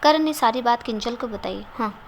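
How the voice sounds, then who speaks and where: A woman storyteller narrating a storybook in a steady, even reading voice. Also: fairly high pitch, moderate pace, slight background noise.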